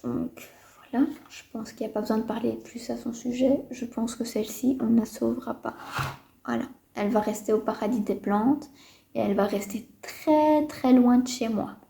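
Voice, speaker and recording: Woman, home vlogger, chatty and hesitant, warm low-key timbre, echoey room. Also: normal speed, creaky. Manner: chatty, hesitant with many fillers, mildly disappointed. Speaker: houseplant vlogger. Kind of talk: casual chat to camera. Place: indoors at home. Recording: roomy echo.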